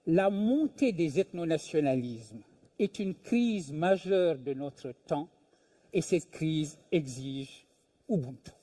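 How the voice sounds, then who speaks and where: An older man from Senegal, a philosophy professor, giving a measured, deliberate public talk with emphatic pauses. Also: a little high, expressive, mellow. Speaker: invited speaker, philosophy professor. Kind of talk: lecture at a public event.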